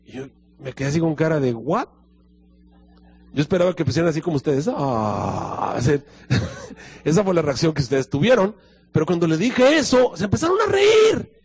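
Husky preacher telling stories. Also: male voice, fairly quick. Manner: storytelling, acting out dialogue with lively pitch swings. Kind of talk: sermon.

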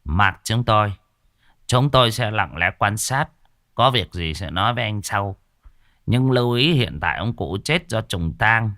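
A man voicing a stern old male exorcist master who gives gruff commands. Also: lowish voice, animated, unhurried, bright, forceful tone, no echo, clean studio sound, heavily acted. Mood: instructing.

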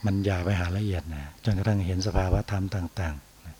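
Monk guy preaching a dharma talk, low mellow voice, slow and easy, keeps adding little tag words. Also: slight background noise. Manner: unhurried teaching, tags phrases with a soft particle. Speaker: Buddhist monk teaching meditation.

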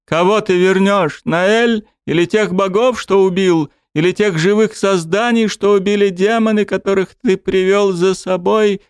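Man voicing a furious young woman, shrieking, drawn-out words, very high, close dry audiobook sound. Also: fairly even intonation, clean tone, dry recording. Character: hysterical furious young woman screaming accusations. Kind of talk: audiobook character voice.

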